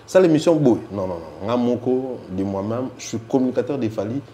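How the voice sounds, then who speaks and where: Animated and brisk, a man with a mid-range, dark-toned voice and a Congolese accent answers as a casual interview guest who speaks for music fans. He mixes two languages, is emphatic and repetitive, and there is slight background noise.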